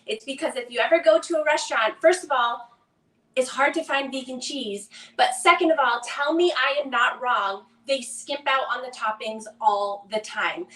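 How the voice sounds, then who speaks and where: Woman, Boston accent, chatty cooking-demo host, bright voice; echoey kitchen, distant mic. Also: high-pitched. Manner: upbeat, chatty, talks to viewers while working. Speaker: cooking demonstrator. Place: home kitchen.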